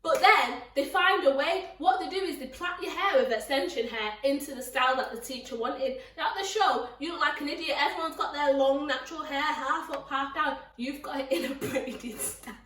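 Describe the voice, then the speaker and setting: A young woman vlogging, telling stories in a lively, laughing way and often jumping into mocking voices. Her voice sits high, and it sounds roomy and a bit distant from the mic. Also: normal speed, hardly any pauses. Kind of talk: casual storytelling to camera.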